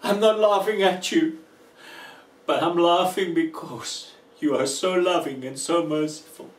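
Male preacher, emotional testimony, long pauses, roomy echo. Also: a little high, distant mic. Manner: slow, emotional, dramatic pauses. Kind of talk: testimony sermon.

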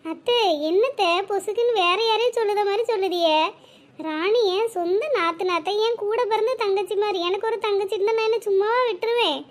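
A woman's voice: very high voice, brisk. A woman voicing a kind, reassuring young married woman in a cartoon, speaking in a firm, comforting way. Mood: earnest. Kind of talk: cartoon voice acting.

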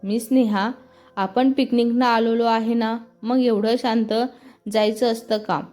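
A woman voicing a relaxed young man, a boss who speaks politely and easily. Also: on the high side, a little slow, soft background music, close to an everyday voice. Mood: easygoing. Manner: calm, polite, easygoing.

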